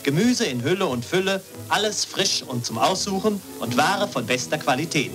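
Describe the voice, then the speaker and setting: A man's voice: a little high, lively intonation, normal speed. Man, old newsreel announcer, chipper sing-song delivery, bouncy intonation, archival newsreel sound, music underneath. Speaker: newsreel narrator. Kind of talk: old newsreel narration from 1948.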